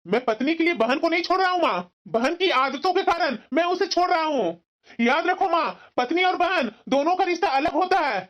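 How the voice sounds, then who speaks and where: A woman's voice: extremely high pitch, animated, a little fast. A woman voicing a stubborn adult son who firmly refuses to back down in a cartoon family drama. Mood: indignant. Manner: firm, insistent scolding. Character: adult son, stubborn and resentful toward his sister. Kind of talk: cartoon voice acting. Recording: dull lo-fi sound.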